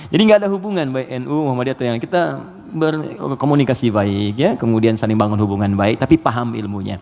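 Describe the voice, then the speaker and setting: A male Islamic preacher giving a lively sermon to an audience, telling stories and chanting Quran verses. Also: mid-range voice. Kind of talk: lecture sermon. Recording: long hall reverb.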